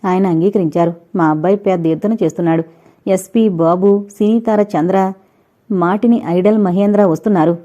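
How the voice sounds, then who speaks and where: Brief: woman reader doing a businesslike older man in a hurry, mellow tone, dull lo-fi sound. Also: mid-range voice, fairly even intonation, normal speed, natural voice. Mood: brisk. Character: older man, busy cultural society president.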